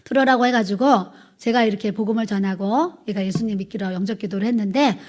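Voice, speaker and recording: A woman's voice: medium pitch, fast talker, darkish tone. A woman pastor preaching a sermon, telling a testimony with repeated phrases and acted-out dialogue. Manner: storytelling, repeats phrases, acts out quoted dialogue.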